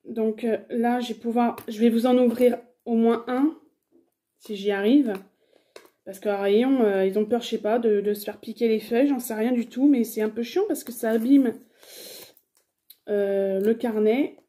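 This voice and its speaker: A woman in her thirties talks her viewers through a shopping haul in a chatty, halting way, often pausing on fillers. Her voice sits a little high but sounds warm and mellow rather than bright. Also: fairly even intonation. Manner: chatty, hesitant, many fillers. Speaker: haul vlogger. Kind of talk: casual shopping haul chat.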